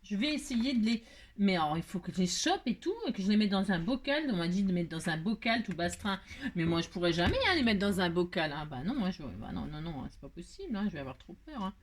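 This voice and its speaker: Chatting quickly in a lowish voice with big pitch swings, this channel host talks herself through a card-making project as she crafts. Slight background noise is audible. She closes with a warm, affectionate farewell to viewers.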